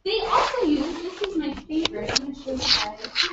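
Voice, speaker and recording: A woman's voice: high voice, big pitch swings, fairly quick, reverberant. A young woman teaching a class, questioning and encouraging her students, recorded from a distance in a classroom. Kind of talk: classroom lesson. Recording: dull, noisy classroom recording from afar.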